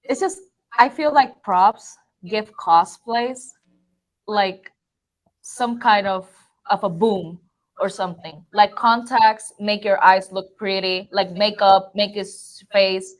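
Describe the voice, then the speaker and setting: Woman, mid-pitched, informal panelist who talks through her craft in loose, rambling explanations. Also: takes it slowly. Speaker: prop maker, panelist. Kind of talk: casual chat.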